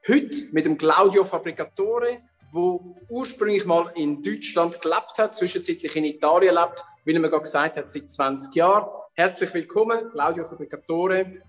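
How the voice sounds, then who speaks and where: Brief: male interview host, high voice, long reverb, soft music underneath. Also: moderate pace, hardly any pauses. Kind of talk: interview hosting.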